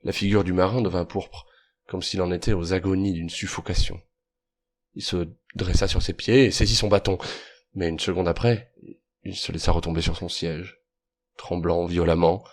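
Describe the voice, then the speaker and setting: A man narrating a classic story as an audiobook in a measured, even manner. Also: low-pitched.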